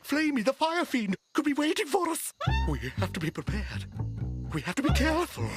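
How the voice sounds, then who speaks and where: A man's voice: very high voice, wildly swooping pitch, moderate pace, exaggerated voice. A man voicing an anxious, fretful young cartoon monster brother. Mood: worried. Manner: fretful, worried. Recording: cartoon with loud music behind.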